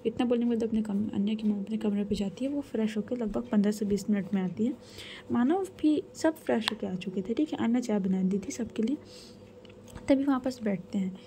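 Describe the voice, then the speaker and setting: A woman's voice: on the high side, dark tone, a little hiss or hum. A woman narrating a romance story in a casual, conversational way. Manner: conversational, retelling with fillers.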